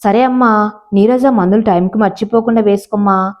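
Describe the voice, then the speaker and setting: A sorrowful old father speaks softly and steadily, read by a woman in her everyday voice. His pitch stays in a middle range, and the audio is slightly muffled and lo-fi. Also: steady tone, a little fast, natural voice. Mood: calm. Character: grieving elderly father, gentle and steady.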